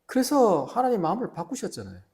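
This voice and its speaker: A male pastor with a Gyeongsang Korean accent, preaching a sermon with emphatic, animated storytelling. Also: high voice, fast. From Gyeongsang region, South Korea.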